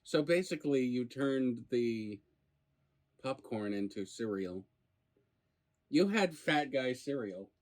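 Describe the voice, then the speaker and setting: A man's voice: mid-range voice, animated, takes it slowly, pauses often. A man hosting a food review in casual chat, probing with playfully incredulous questions. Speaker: food review show host.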